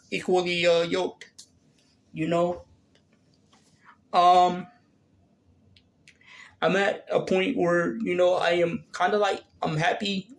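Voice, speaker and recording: Vlogger, man, 30s, high-pitched, creaky, halting delivery with lots of ums. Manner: hesitant, many fillers and restarts. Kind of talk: casual Q&A vlog.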